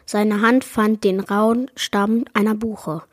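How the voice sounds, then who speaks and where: A woman reading aloud a chapter of a children's fantasy adventure book in a measured narrating manner. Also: medium pitch, steady tone, no echo, clean studio sound. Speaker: book reader. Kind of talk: storybook read-aloud.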